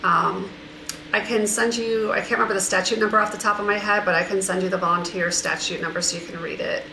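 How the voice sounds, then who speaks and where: A woman on a board's staff reports at a meeting, hesitating with frequent ums. Her voice has a gravelly fry to it. She is heard in an echoey room with clear background noise. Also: mid-range voice, fairly even intonation, quick pace, pushed and bright.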